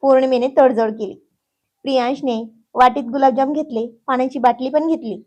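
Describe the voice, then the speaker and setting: A woman narrating a family story in a lively storytelling manner. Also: high-pitched, a little fast, muffled recording.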